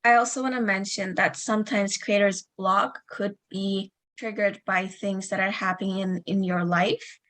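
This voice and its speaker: Young woman, podcast host, mid-pitched, chatty, uses lots of fillers. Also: steady tone, normal speed, few pauses, a bit bright. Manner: hesitant, filler-heavy, earnest. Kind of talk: casual podcast chat.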